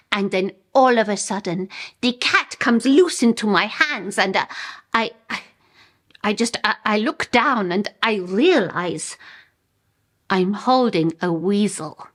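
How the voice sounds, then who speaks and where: A woman with a Polish accent performing a comic monologue as a bemused storyteller, in short phrases with dramatic pauses. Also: medium pitch, a bit bright. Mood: astonished. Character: bemused woman telling an absurd personal anecdote.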